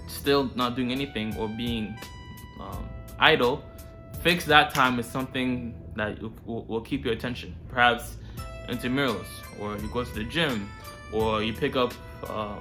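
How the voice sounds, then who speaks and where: A man's voice: medium pitch, measured pace, pushed and bright, faint music behind. A man hosting a self-improvement series, talking straight to the viewer in a casual, slangy, informal way. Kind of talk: casual direct-to-viewer advice talk.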